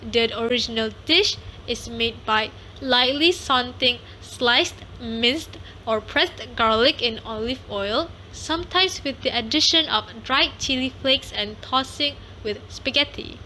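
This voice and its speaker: A young woman with a high, bright voice reads a class presentation carefully and steadily. A faint hiss of noise sits under her voice throughout. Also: unhurried, hardly any pauses, low-quality recording. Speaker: student presenter. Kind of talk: reading a prepared class presentation.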